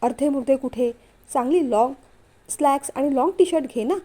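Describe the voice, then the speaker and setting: A man's voice: extremely high pitch, fairly quick, mellow. A woman voicing a teasing young husband. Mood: coaxing. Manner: teasing, coaxing. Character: affectionate playful young husband. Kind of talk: storytelling read-aloud.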